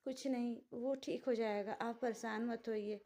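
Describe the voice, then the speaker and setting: Frightened, tearful young wife for a storybook, voiced by the woman narrator; shaky and pleading, fairly high. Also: steady tone, unhurried, dark tone.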